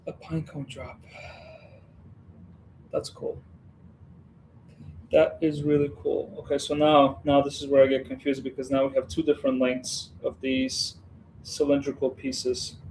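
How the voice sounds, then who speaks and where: A man from Western Ukraine hosts a casual livestream building a model set, chatting and rambling with viewers as he works. His mid-range voice has a darkish tone, and the recording is low quality with slight background noise.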